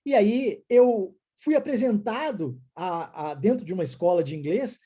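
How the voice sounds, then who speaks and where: A man's voice: high voice, animated, unhurried, mellow, husky. A man who grew up in the United States, teaching an English lesson and explaining patiently while often checking in with the viewer. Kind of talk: online language lesson.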